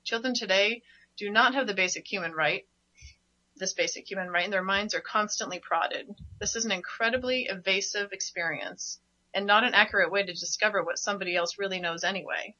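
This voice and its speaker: A woman's voice: mid-range voice, sharp tone. A woman hosting a radio show as a parenting coach, talking passionately and emphatically, often with a laugh. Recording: dull, lo-fi radio recording.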